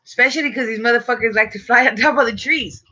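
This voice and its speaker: A woman's voice: on the high side, fast talker, pushed and bright, breathy edge. A young adult woman chatting casually in a slangy, profane stoner manner. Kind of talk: casual chat. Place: small dim bedroom indoors. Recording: dull lo-fi room recording.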